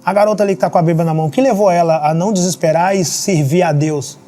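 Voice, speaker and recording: A man's voice: sits high, fairly even intonation, fast talker, mellow. A man, a podcast guest telling motivational stories in an emphatic way, full of rhetorical questions. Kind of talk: motivational storytelling. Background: faint background music.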